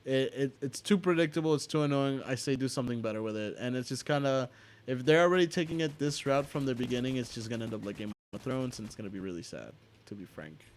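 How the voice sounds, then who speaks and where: A young American man rants casually as a show host. He swears freely, wanders between points and restarts his sentences. His voice sits at an ordinary middle pitch. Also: fast talker. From United States. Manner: profane, rambling, with many restarts and filler asides. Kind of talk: casual opinion rant.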